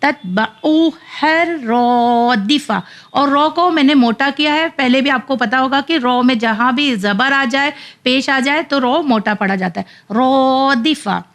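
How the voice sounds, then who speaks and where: High-voiced woman teaching Quran reading. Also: fairly bright tone. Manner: spells letters and vowels out slowly, then explains rapidly. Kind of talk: slow syllable-by-syllable spelling drills between fast explanations.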